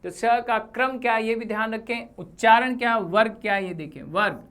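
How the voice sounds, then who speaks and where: A woman teaching Hindi grammar for exam preparation over slides, saying each sound slowly with example words. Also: a little high, a bit bright. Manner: slow, deliberate, spells out sounds with example words. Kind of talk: exam-prep lesson.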